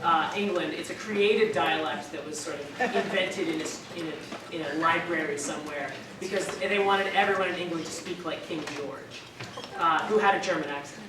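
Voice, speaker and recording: A woman teaching a dialects class, brisk and upbeat, quizzing her students before a performance. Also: low-pitched. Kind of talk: classroom introduction with quiz questions. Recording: echoey room, far mic, noise.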